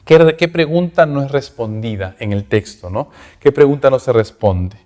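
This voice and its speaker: A man's voice: mid-range voice, normal speed, a little mellow. Man teaching in a reverberant room. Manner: explains in Spanish, reads English aloud, keeps asking "¿no?". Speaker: English teacher. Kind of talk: recorded class lesson.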